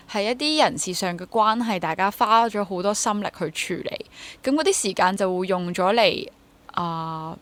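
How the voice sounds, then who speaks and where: As a guest on an interview, a woman in her twenties who acts freelance and teaches drama chats informally in a medium-pitched voice with a Hong Kong Cantonese accent. She reflects as she goes, often rephrasing and weaving English words into her speech.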